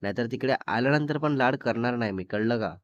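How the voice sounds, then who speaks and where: A man's voice: medium pitch, fairly quick, no room sound, natural voice. A man voicing a young boyfriend who scolds his girlfriend sternly but with care. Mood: lecturing. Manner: scolding, then coaxing. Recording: dull lo-fi dry recording.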